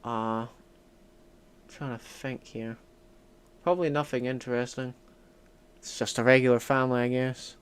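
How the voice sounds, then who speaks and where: A man's voice: mid-range voice, fairly even intonation, a little slow, pauses often, clean tone. A Scottish man streaming a strategy game, chatting casually and rambling with lots of "like" fillers. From Scotland. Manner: rambling, heavy use of "like" fillers.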